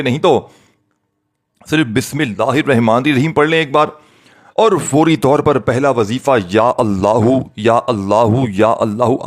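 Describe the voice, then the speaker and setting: A man preaching to his viewers, speaking earnestly and repeating his appeals to brothers and sisters. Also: medium pitch. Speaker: spiritual teacher.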